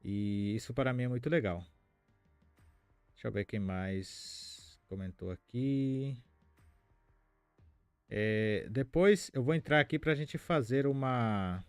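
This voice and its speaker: A man's voice: mid-range voice, darkish tone, no echo. A man from Paraguay, whose first language is Spanish, teaching a Guarani lesson on a live stream in a chatty way, reading out viewer comments and thinking aloud with many fillers.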